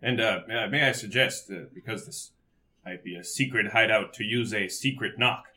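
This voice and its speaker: Man, somewhat low pitch, sharp bright tone, stammering casual tabletop role-play. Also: normal speed. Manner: hesitant, stammering. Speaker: tabletop game player.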